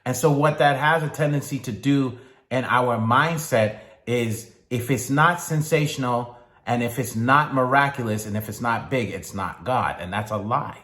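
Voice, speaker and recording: A man giving a motivational sermon in a slow, deliberate way with long pauses. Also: medium pitch, a bit bright. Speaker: speaker. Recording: echoey room.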